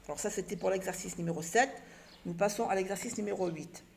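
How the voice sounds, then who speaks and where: A woman's voice: mid-range voice, quick pace, creaky, a little mellow. A woman teaching a children's reading lesson, patiently sounding out syllables and letters one by one and answering her own questions. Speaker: primary school teacher.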